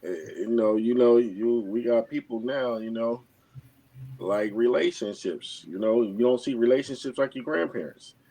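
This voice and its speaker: A man talking as a guest in a casual podcast discussion, halting and often repeating words. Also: mid-range voice, mellow, low-quality recording.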